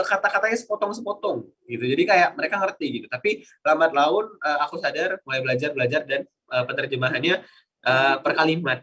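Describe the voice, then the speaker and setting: A man from Indonesia teaching Japanese in a relaxed online class. His voice is bright and a little high, and he talks chattily with lots of fillers while acting out Japanese intonation. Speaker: Japanese language mentor. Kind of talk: online class Q&A, casual explaining.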